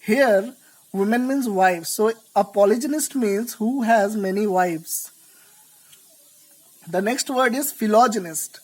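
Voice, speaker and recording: Brief: woman teacher, measured, deliberate delivery for a vocabulary class. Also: medium pitch, a little mellow, husky, rough recording. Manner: slow, deliberate explanations. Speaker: English teacher. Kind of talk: vocabulary lesson.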